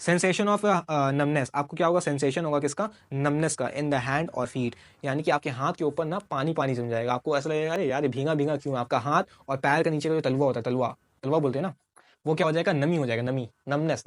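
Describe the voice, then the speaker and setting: A man's voice: on the high side, moderate pace, no echo. A man teaching a school science lesson online, explaining terms with everyday examples and repeating key words. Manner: addresses the viewer as "sir" and mixes in English terms. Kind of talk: online class lecture.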